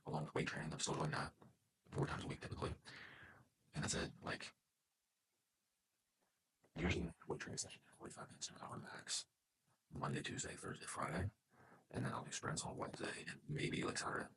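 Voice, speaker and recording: A man's voice: mid-range voice, creaky, a bit bright, breathy edge. A man talking casually and loosely in a fitness vlog, with the odd swear. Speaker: fitness vlogger.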